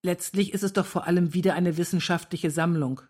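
A woman's voice: on the low side, steady tone, brisk, darkish tone, slightly rough. A woman reading aloud, voicing a friendly man who tries to reassure. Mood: reassuring. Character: friendly man, eager to console.

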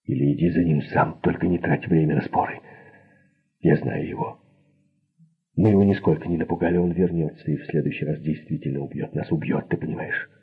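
A man's voice: very deep voice, fairly even intonation, fairly quick, breathy edge, heavily acted. Man whispering as an urgent, frightened woman. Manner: whispered, pleading, insistent. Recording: narrow phone-like sound.

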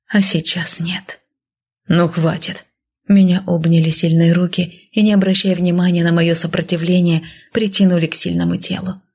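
A woman giving a soft, hushed first-person audiobook narration. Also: fairly low pitch, creaky, husky.

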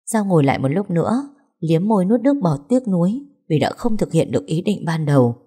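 Female audiobook narrator; low pitch, dark mellow tone, even and steady delivery. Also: a little fast, slightly rough. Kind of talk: scripted story narration.

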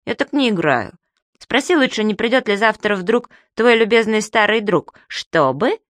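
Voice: medium pitch, expressive, moderate pace, a bit bright, no echo, clean studio sound, pitched above the performer's own voice, close to an everyday voice. A reader voicing a cheeky, gluttonous childlike male magic creature who talks in a chirpy, wheedling, pestering way. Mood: teasing.

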